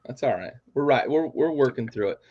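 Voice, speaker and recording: A man's voice: mid-range voice, animated, fairly quick. Male podcast co-host, swaggering betting talk, dull lo-fi audio. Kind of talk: casual sports podcast chat.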